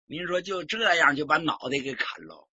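A man voicing a cautious army officer who reasons softly and deferentially. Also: on the high side, animated, moderate pace, slightly rough, no room sound, full character voice. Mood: persuasive. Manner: soft, persuasive, deferential. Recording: dull lo-fi recording.

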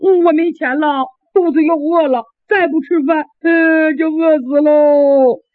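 A storyteller voicing a simple-minded, blustering young man with a high, fast, whiny voice. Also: expressive, dry recording. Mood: wailing. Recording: dry, tinny phone-like sound.

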